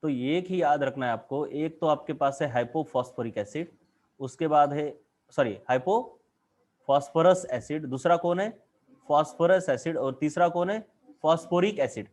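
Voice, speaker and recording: A man's voice: on the high side, moderate pace, darkish tone. A man with an Indian accent teaching chemistry in a classroom lecture, drawing at a board and asking the class question after question.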